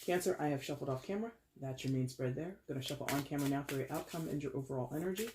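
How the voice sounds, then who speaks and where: A tarot reader with a head cold chats casually to the camera, rambling and correcting herself, sounding congested with a dry throat she clears often. Her mid-range voice races along over a noisy background.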